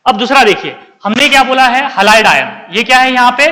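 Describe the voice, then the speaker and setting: An Indian man gives a chemistry lesson in a high, bright voice. He keeps firing questions at the class and answers them himself. His voice rings with a long hall reverb. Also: sing-song, brisk. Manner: keeps quizzing students and answering himself, calls them beta. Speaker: chemistry teacher. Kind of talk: classroom lecture.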